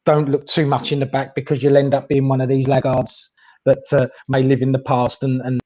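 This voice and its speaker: A man speaks as a guest on a mentoring stream in a mellow, rather flat voice. He answers politely and appreciatively, pausing with a few hesitations. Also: mid-range voice. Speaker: mentee guest. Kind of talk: casual response on a video call.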